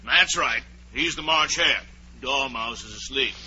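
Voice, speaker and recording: An actor playing a mad, touchy, fussy Hatter in a theatrical, blustering 1940s radio drama style. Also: male voice, mid-range voice, measured pace, pushed and bright, slight background noise. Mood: blunt, eccentric. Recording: muffled old 1940s radio recording.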